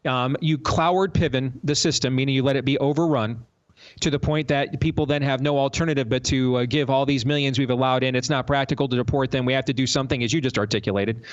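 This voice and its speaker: A man moderating a political panel discussion, deliberate and explanatory, on dull lo-fi audio. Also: mid-range voice, steady tone. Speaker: panel show host and moderator.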